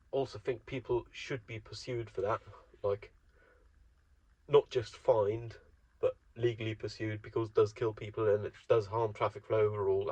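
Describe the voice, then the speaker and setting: A man's voice: lowish voice, a little mellow, no room sound. Man musing wryly in a dull, dry recording. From Germany. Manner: wry, meandering, self-mocking musing. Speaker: solo vlogger. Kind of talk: rambling casual monologue.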